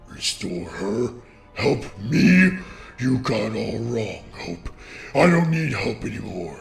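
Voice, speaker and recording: A man voicing a bitter, vengeful dark unicorn king in a melodramatic comic fandub. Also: medium pitch, big pitch swings, gravelly, faint music behind, full character voice. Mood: anguished rage. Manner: slow brooding delivery breaking into anguished shouts.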